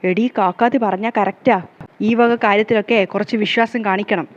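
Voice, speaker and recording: A woman voicing a dramatic middle-aged mother who wails and scolds loudly. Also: mid-range voice, steady tone, a little fast, lo-fi sound, a little hiss or hum, close to an everyday voice. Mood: scolding. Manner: loud, lamenting.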